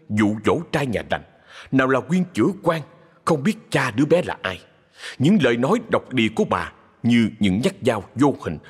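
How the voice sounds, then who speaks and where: A man narrating a ghost story in a dramatic scripted style, slowing for suspense. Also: mid-range voice. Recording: husky voice in long reverb with music.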